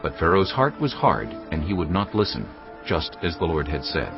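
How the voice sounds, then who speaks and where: Here a man narrates scripture at a moderate pace, his deep and serious voice swelling and dipping with expression. Steady music plays under the somewhat muffled audio.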